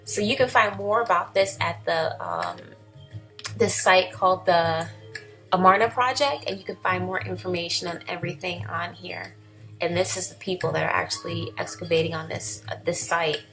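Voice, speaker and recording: A woman's voice: lowish voice, expressive, normal speed, a bit bright, soft background music, poor audio. A woman vlogging in a casual, enthusiastic way, rambling with lots of fillers. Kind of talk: casual vlog commentary.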